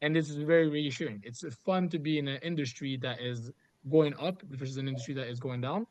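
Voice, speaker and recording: A man's voice: fairly high pitch, fairly quick, a little mellow, no room sound. A Canadian man in his thirties, a guest in an interview, answering casually and animatedly, often restarting phrases. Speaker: guest, sales executive. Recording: dull, lo-fi sound.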